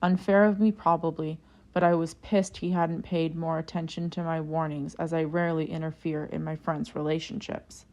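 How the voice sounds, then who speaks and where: Woman narrating a forum story, slightly low. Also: completely flat delivery, normal speed, a little mellow. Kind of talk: scripted narration of a forum post.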